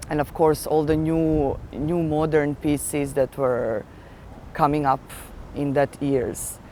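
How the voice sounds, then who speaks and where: A woman's voice: sits low, a little mellow, slight background noise. A woman in her thirties from Serbia, speaking as a ballet dancer, telling her story in an earnest interview monologue and searching for words with fillers.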